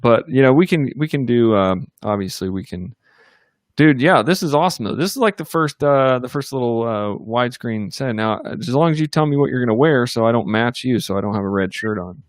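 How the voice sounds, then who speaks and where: A man's voice: mid-range voice, lively intonation, fairly quick, no echo, studio quality. Rambling man on a casual livestream. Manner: rambling, upbeat, lots of fillers and restarts. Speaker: co-host of a ministry livestream. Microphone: computer or webcam mic in a home studio.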